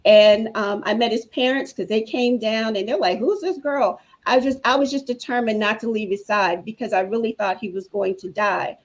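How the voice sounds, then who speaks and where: A woman's voice: a little high, normal speed, hardly any pauses, rough recording. A woman guest on a talk show telling her own story in an earnest, preacherly way. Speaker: guest speaker. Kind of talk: personal testimony on a talk show.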